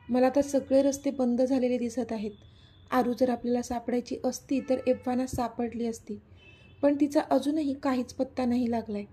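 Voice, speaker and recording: A woman's voice: a little high, slightly rough. Woman reading as an angry young man. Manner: angry, forceful. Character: angry desperate young man searching for his sister.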